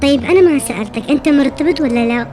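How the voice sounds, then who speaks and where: A man's voice: very high-pitched, very fast, noisy background. A man voicing a playful, chatty young woman with a Levantine Arabic accent while gaming. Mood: teasing, chatty. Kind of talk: casual chat while gaming.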